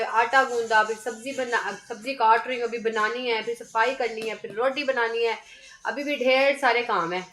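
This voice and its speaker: A woman's voice: a little high, a bit bright. A middle-aged woman, a mother and vlogger, chatting casually as she talks through her household chores. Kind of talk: casual running commentary.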